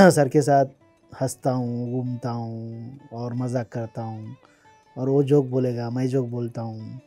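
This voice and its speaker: Mellow-voiced man telling stories. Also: mid-range voice, fairly even intonation, slow pace, faint music behind. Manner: chatty, mixes English words, laughs while recalling. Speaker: guest. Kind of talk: casual personal storytelling.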